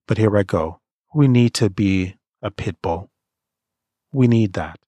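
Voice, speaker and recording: Guy with a lowish voice giving earnest motivational advice to writers, slow emphatic words, dry close sound. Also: mellow, no room sound. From Canada. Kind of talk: motivational monologue.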